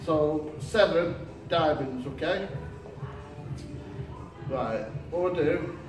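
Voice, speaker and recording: Chatty magician in an echoey hall. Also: male voice, a little high, drawn-out words. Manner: chatty, self-deprecating, stumbling restarts. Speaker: stage magician. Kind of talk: live stage patter with audience. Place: small stage hall with curtain. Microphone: distant camera, no mic. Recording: roomy hall echo, voice from far off.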